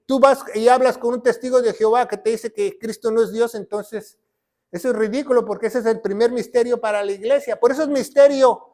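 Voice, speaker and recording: A man preaching a teaching sermon in a notably high voice. He drives his points home by repeating phrases and keeps checking in with his listeners as he teaches from a whiteboard. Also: a little mellow. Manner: emphatic, repeats key phrases, frequent "¿va?" check-ins. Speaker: pastor and Bible teacher.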